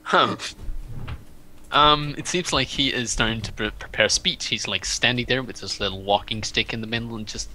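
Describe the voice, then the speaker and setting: Very bright-voiced halting game master. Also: male voice, medium pitch, slight background noise, poor audio. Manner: hesitant, full of fillers and restarts. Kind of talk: narrating a tabletop game over a stream.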